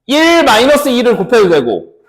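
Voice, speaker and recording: A man's voice: very high voice, huge pitch swings, normal speed, roomy sound. A man teaching a math class, walking students through factoring step by step and checking in with them often. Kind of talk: classroom lecture.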